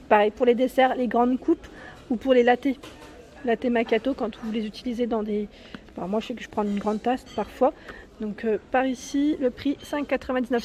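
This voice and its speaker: A woman's voice: a little high, mellow. A woman filming a casual shopping vlog inside a large store, chatting to viewers about products and prices on a handheld phone and often tagging "hein" onto her sentences. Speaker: vlogger showing store products.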